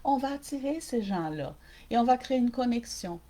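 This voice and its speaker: A woman's voice: a little high, lively intonation, moderate pace, dark tone. Female coach with a mixed Québécois-Brazilian accent, live-stream workshop host, direct with viewers and checking in often. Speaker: small-business coach.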